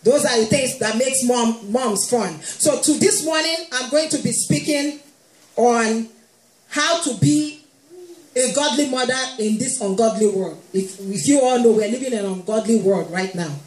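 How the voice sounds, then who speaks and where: A woman's voice: on the high side, normal speed. A woman preaching a sermon to a congregation, speaking with humor and often laughing. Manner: warm humorous preaching, playfully quoting moms, laughing. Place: church hall. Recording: echoey hall with faint music.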